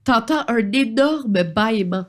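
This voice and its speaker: A woman's voice: fairly high pitch, animated, unhurried. A woman with a Quebec French accent, narrating a tabletop game as game master in a chatty, descriptive way. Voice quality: chatty, descriptive, with frequent fillers.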